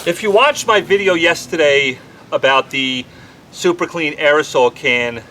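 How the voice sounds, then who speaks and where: Fast-talking New York man outdoors. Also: a little high, sharp tone. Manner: talks fast, chatty and candid. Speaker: auto detailer reviewing products. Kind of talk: casual product review vlog. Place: outdoors on a windy day. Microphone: camera mic outdoors. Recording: faint wind and outdoor noise. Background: outdoor ambience and breeze.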